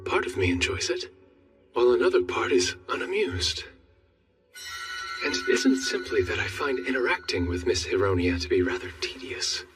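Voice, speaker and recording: A man's voice: mid-range voice, expressive, normal speed, lightly acted. A man playing a polished, wry young prince in a dramatic English anime dub. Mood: brooding. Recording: distant sound under loud music.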